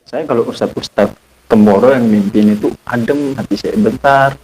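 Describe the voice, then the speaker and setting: A man's voice: mid-range voice, normal speed, a little mellow, slight background noise, poor audio. A young man, a guest on a podcast, telling a personal story in an earnest, reflective way and often quoting himself. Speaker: podcast guest, Islamic teacher. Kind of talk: casual storytelling in conversation.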